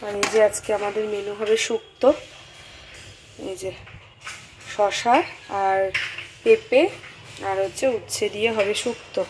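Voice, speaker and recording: A young woman with a Bengali accent chats with viewers in a casual home vlog, filming her family day on a handheld phone and sometimes speaking softly. Her medium-pitched voice stays fairly even, moving at a measured pace with frequent pauses. Background noise is audible.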